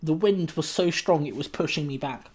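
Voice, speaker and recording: A man with a slightly high voice co-hosting a casual podcast. He chats loosely, stumbling through ums and restarts before landing on a joke. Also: normal speed, breathy edge. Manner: hesitant, full of ums and restarts. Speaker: podcast co-host.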